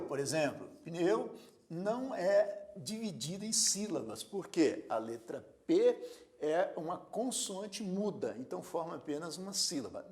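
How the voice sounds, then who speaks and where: Slow and deliberate, the man teaching grammar breaks words into syllables and repeats them, throwing rhetorical questions at the learner. His gravelly voice carries a lively pitch throughout the lecture.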